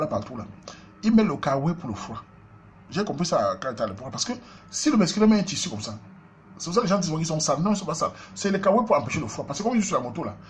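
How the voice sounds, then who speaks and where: A man with a Cameroonian French accent tells a comic neighborhood story at a quick clip. His voice sits a little high for a man, jumping from loud bursts to muttered asides. A faint hum runs behind him. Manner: animated, swings between loud outbursts and low asides. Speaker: comedian.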